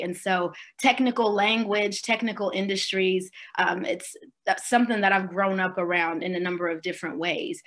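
A woman in her forties from Swaziland speaks on a video call from a room at home, her voice bright and clear in tone. She talks in a relaxed, conversational way, pausing with fillers and checking in with her listeners. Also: medium pitch. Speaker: keynote speaker. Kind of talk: virtual keynote talk.

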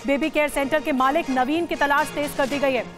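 A woman's voice: high-pitched, fairly even intonation, a little fast, over music. A woman news anchor narrating breaking news in an urgent, dramatic tone, often asking the viewer to imagine the scene.

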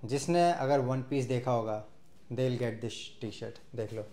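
A man's voice: mid-range voice, slow pace, dark tone. A man in his twenties from India, chatting casually to viewers in a clothing haul, recorded indoors on a lapel mic. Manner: chatty, mixes Hindi and English, addresses viewers directly. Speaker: fashion vlogger. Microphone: clip-on lapel mic.

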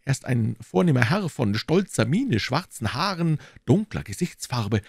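A man voicing an anxious, fussy middle-aged landlord in an audiobook, in a high, strained, wordy and timid voice. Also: sing-song, normal speed, gravelly, breathy edge, dry recording, studio quality, heavily acted. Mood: fretful. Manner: wordy, timid, eager to please. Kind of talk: audiobook reading.

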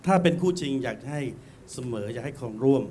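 A man's voice: mid-range voice, lively intonation, quick pace, darkish tone. A man judging on a TV show, carefully comparing two singers like a sports contest. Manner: analytical, uses sports comparisons. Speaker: contest judge. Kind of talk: measured on-air critique.

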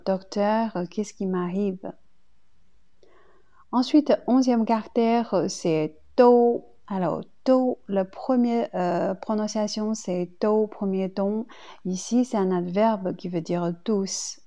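A woman with a Chinese accent teaches a language lesson at an unhurried, careful pace. Her voice is low and mellow with a gravelly edge, and she says each example twice. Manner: slow, deliberate, repeats each example twice.

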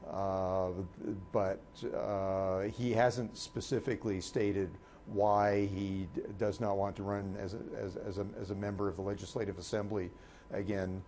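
A man giving unscripted political analysis in a halting, measured way, often repeating words. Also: on the low side, flat delivery, darkish tone. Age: 60s. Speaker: political commentator. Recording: clear background noise.

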